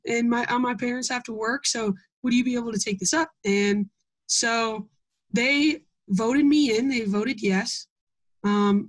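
The audio is poor as a young Iowa woman, interviewed about her Gold Award scout project, responds in a slightly high voice. Her answers are earnest but full of ums and restarts.

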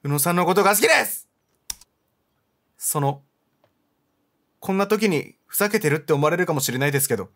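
A man reading aloud the lines of a shy, earnest young woman in a horror game, hesitant and soft-spoken. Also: on the high side, brisk, pauses often, lightly acted.

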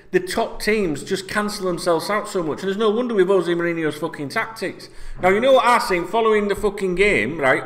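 Here a high-voiced man in his forties, a football vlogger from North Yorkshire with a Yorkshire accent, sits in a red chair in a small room ranting to camera. The casual talk is blunt, sweary, and animated, peppered with "right?"

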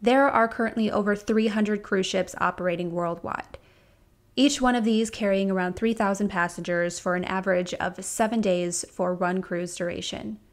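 A woman's voice: mid-range voice, fairly even intonation, normal speed. A woman hosting a podcast, reading a prepared script with a few casual asides of her own. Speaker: podcast host.

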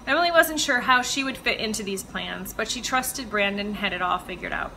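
Bright-voiced woman reading her novel. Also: mid-range voice, creaky, a little hiss or hum, poor audio. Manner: measured, expressive storytelling. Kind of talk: audiobook-style reading of fiction.

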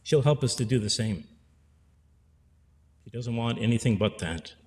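An expressive, slightly mellow medium-pitched voice belongs to a priest in his forties, preaching at a moderate pace. He gives an earnest pastoral sermon through a pulpit stand mic, repeating phrases for emphasis, as the church sanctuary adds a long reverb tail and slight background noise.

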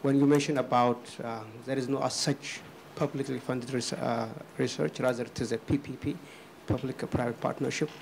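A man from Ethiopia, an audience member, asking a halting question from the floor with many restarts. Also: mid-range voice, level tone, gravelly, poor audio. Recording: faint background noise.

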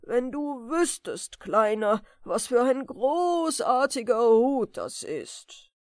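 A woman voicing a big, friendly, good-natured male giant in a bedtime audiobook, drawing out her words slowly and loudly. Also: sing-song, no echo, studio quality. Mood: jovial. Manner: slow, drawn-out, booming delivery.

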